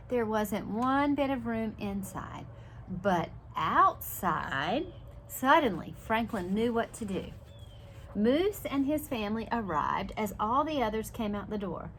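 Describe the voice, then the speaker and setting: A woman with a medium-pitched voice reads a children's picture book aloud like a preschool teacher, animated and pausing for asides and questions to her young listeners. There's slight background noise.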